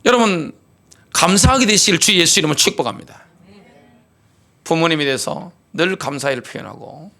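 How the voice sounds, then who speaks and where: A man's voice: on the high side, pushed and bright. A middle-aged man preaching a sermon as pastor, driving points home with rhetorical questions and repetition. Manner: repetitive call-and-response delivery.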